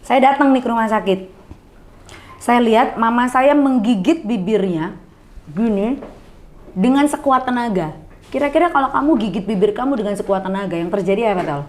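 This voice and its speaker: A woman's voice: fairly high pitch, expressive, normal speed, a little mellow. A middle-aged woman speaks as a guest in a coffee bar, telling a heartfelt personal story. She talks earnestly and slips into other people's voices when she quotes them.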